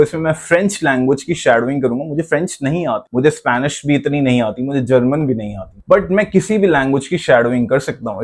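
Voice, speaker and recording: A man's voice: medium pitch, darkish tone. Man teaching English in Hindi. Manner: explains step by step in Hindi mixed with English. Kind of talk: spoken lesson.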